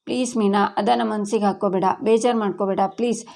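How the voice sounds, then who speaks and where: A woman reading as a gentle young husband. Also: mid-range voice, fairly even intonation, fast, gravelly, natural voice. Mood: comforting. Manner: pleading, comforting.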